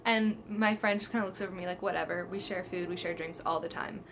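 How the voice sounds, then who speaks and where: A woman's voice: lowish voice, steady tone, fast talker, fairly bright tone, slight background noise. A young woman vlogger telling a storytime tale in a chatty, self-mocking way, laughing often and acting out what everyone said. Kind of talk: casual storytime.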